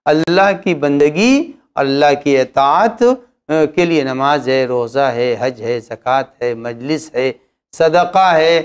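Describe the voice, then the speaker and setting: A man's voice: on the high side, lively intonation, slow, clean tone. A man, an Islamic cleric, answering religious questions with emphatic rhetorical questions.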